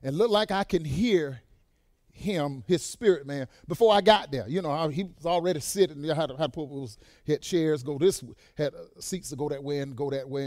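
Male pastor, fairly high voice, dry close sound; fervent sermon delivery with loud amen-filled bursts and quiet storytelling stretches. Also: dry recording. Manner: swells into loud exclamations, trails off quietly in stories; punctuates lines with "amen" and "bless God". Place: church service with a congregation.

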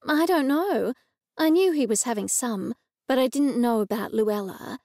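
An anxious middle-aged heroine in an audiobook, voiced by a woman narrator. She talks raised and urgent, a touch higher than the narration. The voice has a gravelly edge and a dry, close sound. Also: expressive, normal speed, a little mellow, no echo. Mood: worried.

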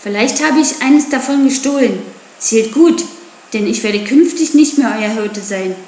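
A woman's voice: on the high side, a little slow, darkish tone, roomy sound, close to an everyday voice. A woman voicing a defiant wild boy raised by wolves, scornful and taunting. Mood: mocking.

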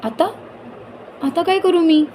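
A woman's voice: extremely high pitch, takes it slowly, mellow, slight background noise, voice pushed up. A woman voicing a bored young boy who whines and pleads in a storybook reading. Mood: loud bored. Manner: whining, pleading.

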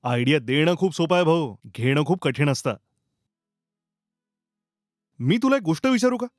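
A man's voice: on the high side, animated, normal speed, no echo, clean studio sound, soft background music, natural voice. A young man acting an alarmed friend in a short film, scolding and agitated. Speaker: actor.

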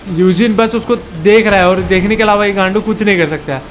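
A man giving excited gameplay commentary, taunting and repeating words in quick bursts. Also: sits high, faint music behind. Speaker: gaming channel host.

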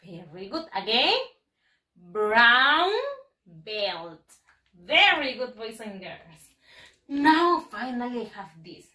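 Slow, high, lively woman teaching children. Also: recorded from a distance. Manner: slow, exaggerated and patient, repeating words for children to copy. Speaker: first-grade English teacher. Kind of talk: bilingual lesson for young children. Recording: echoey room, speaking away from the mic.

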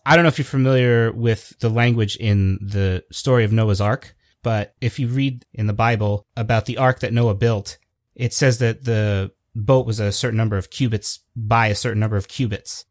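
A man's voice: lowish voice, steady tone, moderate pace, dry recording, clean studio sound. A man co-hosting a podcast in a casual chat, easygoing and explaining things at length. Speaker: podcast co-host.

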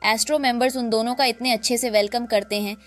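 A woman narrating a drama recap in a lively storytelling way, acting out the quoted lines. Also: a little high, fast talker, faint music behind.

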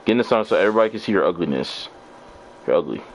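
Male streamer, lowish voice with big pitch swings, slow drawl, profane trash-talk. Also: animated, slight background noise. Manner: profane trash-talking at opponents; loose, casual slang. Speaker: game streamer. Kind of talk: live gameplay commentary.

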